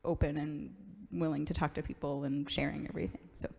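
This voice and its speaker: A woman's voice: sits low, level tone, a little fast, gravelly, mellow, lo-fi sound, slight background noise. A young woman speaking casually and ramblingly at a memorial. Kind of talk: memorial tribute. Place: school auditorium. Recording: long hall reverb.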